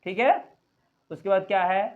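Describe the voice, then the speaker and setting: A man's voice: sits high, moderate pace. A man teaching English grammar in Hindi at a board, earnest and repetitive, often calling the viewer "my friend" and spelling words out letter by letter. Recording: dull lo-fi recording.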